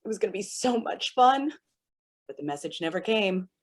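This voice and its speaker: In a staged play reading, a woman plays a manic, chatty villainess with smeared mime makeup, theatrically polite yet menacing. Her mid-range voice is animated and lightly acted, at a normal speed, with a mood of manic chatter.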